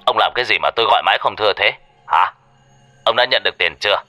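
A man voicing a gruff middle-aged company director who gives brusque, commanding warnings. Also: on the low side, racing, bright, forceful tone, soft background music. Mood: menacing.

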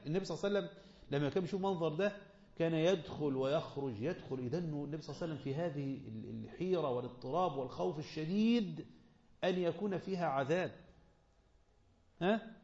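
A man with an Egyptian Arabic accent giving a Quran commentary lesson, quizzing his listeners and slowing down to recite verses. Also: a little high, lively intonation, a little mellow. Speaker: religious teacher. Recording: echoey, dull lo-fi room recording.

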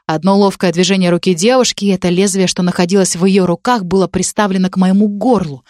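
A woman reading a first-person story aloud as narrator, in steady storytelling. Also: fairly low pitch, fast, no echo, clean studio sound.

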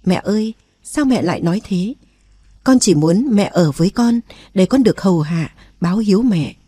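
A weary young queen , read by a woman narrator pours out her troubles in a mellow, earnest voice. The sound is close and dry, with no room around it. It is a storybook reading with a restrained touch. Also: medium pitch, expressive, moderate pace, slightly rough, dry recording. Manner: earnest, confiding.

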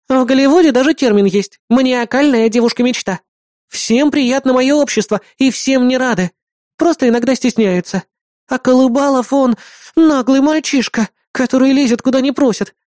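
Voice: high-pitched, normal speed, darkish tone, no room sound, clean studio sound, pitched above the performer's own voice, natural voice. A reader voicing a brash, childish young woman who whines, pleads and bosses people around, in an audiobook. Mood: indignant. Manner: whiny, pleading, bossy.

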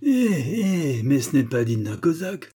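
A man voicing a boisterous old Cossack grandfather who shouts at card games with demons. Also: on the high side, big pitch swings, unhurried, slightly rough, pitched above the performer's own voice, full character voice. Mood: indignant. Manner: shouting, blustering.

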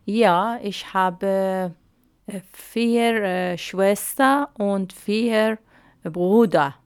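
A woman's voice: medium pitch, smooth, no echo, studio quality. A woman, in Arabic and Persian, speaking hesitantly in a radio interview, with many fillers. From Iran. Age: 50s. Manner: halting, hesitant learner's speech with many fillers. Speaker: interview guest.

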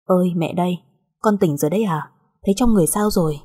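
A woman reads a gentle older mother, soothing and sorrowful, in a storybook reading. The voice is warm, mellow and breathy. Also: on the low side, quick pace. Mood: tender.

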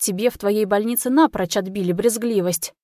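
A woman's voice: medium pitch, normal speed, dark tone, no room sound, studio quality, close to an everyday voice. A woman voicing a harsh, scornful middle-aged mother who speaks sharply in a story reading.

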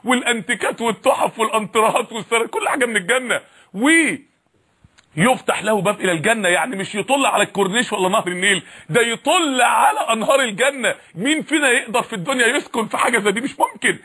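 A man's voice: very high-pitched, fast talker, pushed and bright, husky. A man with an Egyptian accent preaching a sermon, fiery and full of repeated rhetorical questions.

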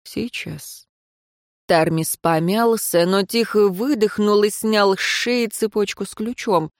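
Low-voiced woman reading an audiobook. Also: darkish tone, no echo, studio quality. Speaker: audiobook narrator. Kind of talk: scripted narration.

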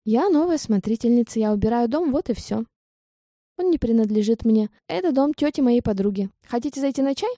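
Flustered young heroine, voiced by a woman, nervous rambling, mellow tone, dry close sound. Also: on the high side, lively intonation, fairly quick, no echo.

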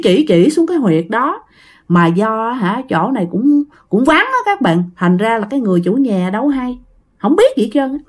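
A woman's voice: a little high, slightly rough. A woman narrating a ghost story in a chatty way, speaking directly to listeners.

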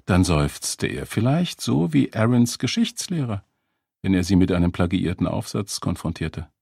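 Male audiobook narrator, measured storytelling, husky, lively intonation, dry close sound. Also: deep voice, no room sound. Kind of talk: scripted narration.

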